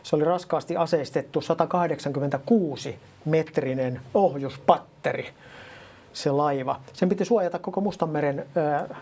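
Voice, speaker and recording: An interviewer asking measured questions in a news studio, pausing with fillers. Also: medium pitch, dark tone, husky.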